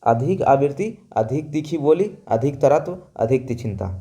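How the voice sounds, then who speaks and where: A man teaching a school lesson, loud and emphatic, repeating each point and explaining it in plain words. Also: medium pitch, expressive, moderate pace. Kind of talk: classroom lesson.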